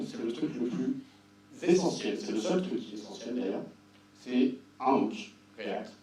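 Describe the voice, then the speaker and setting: A mellow-voiced man gives a casual, wry technical talk. He sounds distant from the microphone, in a very echoey room. His delivery is informal, with dry asides. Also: mid-range voice. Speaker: conference speaker. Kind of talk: informal technical presentation with slides. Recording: roomy echo, distant mic, faint hum.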